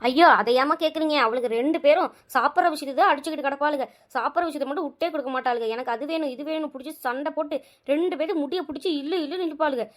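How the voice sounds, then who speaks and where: A woman's voice: high voice, racing, close to an everyday voice. A woman voicing a sorrowful old village grandmother who talks in a plaintive, complaining way. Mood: scolding.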